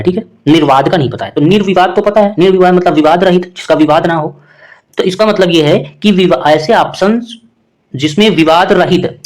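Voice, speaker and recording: Man teaching, quizzing himself aloud. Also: fairly high pitch. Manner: explains step by step, asks and answers his own questions. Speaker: exam tutor. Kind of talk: Hindi grammar exam solution lesson.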